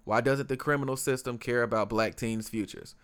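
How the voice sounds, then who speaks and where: A man's voice: medium pitch, steady tone, fairly quick, fairly bright tone, clear, resonant tone. A man co-hosting a podcast in casual conversation, rambling with lots of fillers and restarts. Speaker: podcast co-host.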